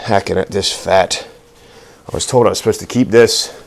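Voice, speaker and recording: A middle-aged man with a very deep, low voice talks his way through a cooking vlog. He rambles nervously, makes fun of himself and fills gaps with ums and uhs. Now and then he sounds a little out of breath from the work. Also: steady tone, moderate pace, vocal fry. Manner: nervous, self-deprecating, rambling with fillers. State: out of breath at times. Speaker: cooking video host. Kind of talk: casual cooking vlog, talking while working.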